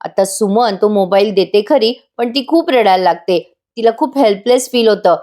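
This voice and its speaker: A woman's voice: mid-range voice, moderate pace, dark tone. A woman narrating a voice-over recap of a TV serial episode, chatting directly to her viewers. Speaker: TV serial reviewer.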